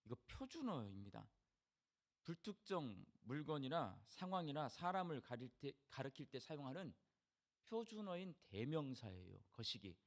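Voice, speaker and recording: A man's voice: mid-range voice, big pitch swings, normal speed, gravelly. A middle-aged male pastor with a Jeolla Korean accent, preaching a sermon in a folksy way and putting questions to the congregation. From Jeolla region of Korea.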